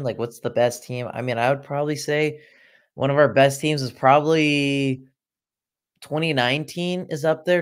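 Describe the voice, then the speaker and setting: A young man from Iran hosting a casual football watchalong livestream, chatting and reacting to viewer comments with sarcastic asides. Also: medium pitch. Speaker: livestream host. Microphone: laptop.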